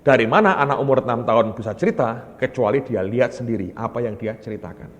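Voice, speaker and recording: A male pastor preaching a sermon, telling stories with lively energy and often addressing the congregation directly. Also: mid-range voice, fast. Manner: animated storytelling, often calling the congregation "brothers". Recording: long hall reverb.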